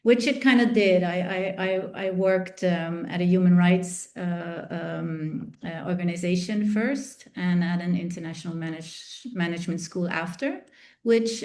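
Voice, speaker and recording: A woman's voice: on the low side, darkish tone. A middle-aged woman from the Netherlands, a podcast guest telling her life story thoughtfully, with many fillers and restarts. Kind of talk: interview storytelling.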